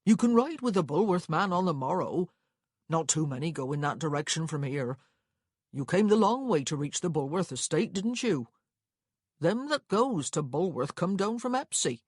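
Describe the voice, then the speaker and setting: For acted audiobook dialogue, a woman voices a nosy, officious male stagecoach clerk who is chatty, rambling, easygoing and long-winded. Her deep, husky, a little mellow voice is exaggerated, with big pitch swings at a moderate pace. The recording is dry and studio quality.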